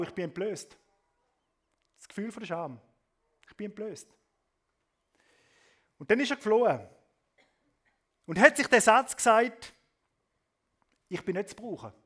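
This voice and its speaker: A man preaching a sermon, swinging between loud emphasis and soft low asides, often adding a questioning tag to his points. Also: lively intonation, a little fast.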